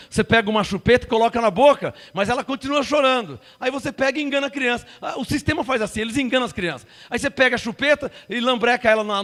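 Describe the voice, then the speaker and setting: A man in his fifties preaching a sermon, firing rhetorical questions at the congregation and swinging from loud to hushed. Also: very high-pitched. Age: 50s.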